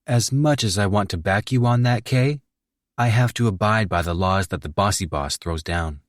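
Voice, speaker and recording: A man's voice: on the low side, moderate pace, no room sound, clean studio sound, pitched above the performer's own voice, close to an everyday voice. A man voicing a sarcastic woman, the mob boss's sister, in an audiobook. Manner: sarcastic, teasing.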